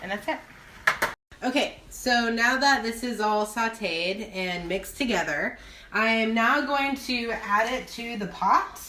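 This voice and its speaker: Tipsy girl doing a casual cooking vlog, kinda high voice, rambles a lot, some noise in the kitchen. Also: measured pace, bright, forceful tone. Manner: tipsy, loose and giggly; rambling, thinking aloud. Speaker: home cook hosting a cooking video. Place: home kitchen.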